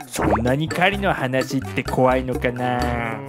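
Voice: mid-range voice, slow pace, over loud music, natural voice. A performer voicing an easygoing, accommodating ginger cat in comedic pet dialogue, with a casual, laid-back way of talking. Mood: chatty. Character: Kari, easygoing ginger cat telling ghost stories.

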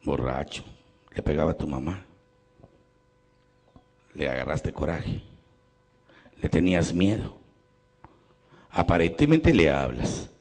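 Gravelly Mexican priest preaching. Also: male voice, very deep voice. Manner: preaches to a congregation and swings between loud emphasis and quiet, intimate questions; acts out the people in his stories. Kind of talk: sermon with storytelling.

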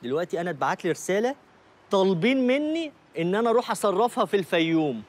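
A man's voice: sits high, very animated, rapid-fire. An actor playing an exasperated, sarcastic man with an Egyptian accent. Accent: Egyptian Arabic.

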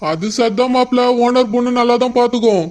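A man's voice: extremely high pitch, fairly quick. A man voicing a worried older father-in-law in a cartoon, lamenting his missing daughter. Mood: anxious. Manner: anxious, lamenting.

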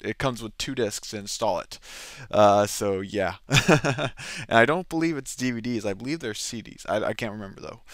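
Male let's play host, lowish voice, rambling and hesitant gameplay chat. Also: fairly bright tone, clear, resonant tone. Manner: rambling, hesitant, many restarts. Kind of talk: casual gameplay commentary.

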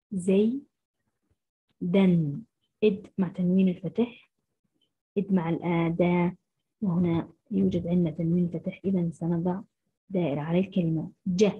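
A woman teacher, giving a first-grade phonics lesson and sounding out syllables slowly. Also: fairly low pitch, breathy edge. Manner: slow, syllable-by-syllable sounding out of letters. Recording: muffled lo-fi recording.

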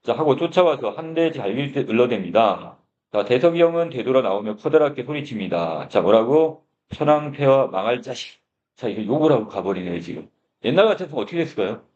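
A man teaches a class, reading a story and stopping to explain its phrases. He keeps asking his students questions and starts his sentences with a prompting word. His middle-pitched voice comes through a muffled, lo-fi recording. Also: very animated, quick pace, darkish tone. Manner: explanatory, asks the class questions, begins lines with "자". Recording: dull lo-fi recording.

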